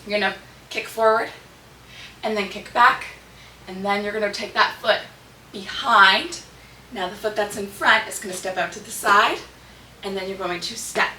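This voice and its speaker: Leading a dance lesson, a slightly hoarse woman gives clipped step-by-step cues and counts with a sharp tone, at normal speed with long pauses. Her voice is medium-pitched and far from the mic, in an echoey room with noticeable background noise.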